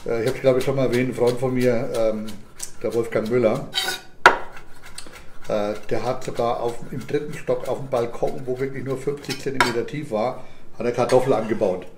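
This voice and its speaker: A man's voice: medium pitch, fairly even intonation, moderate pace, very noisy. A man cooking in his home kitchen, explaining each step to viewers in a chatty, instructive way. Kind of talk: casual cooking demonstration. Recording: echoey kitchen with cooking clatter. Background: clattering dishes, pans and cutlery.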